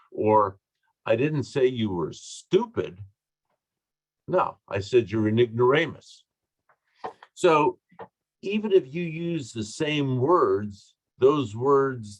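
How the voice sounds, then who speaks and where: A man giving an online training talk on communication, deliberate and emphatic, with asides and fillers, recorded over a video call. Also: low voice, no echo, poor audio.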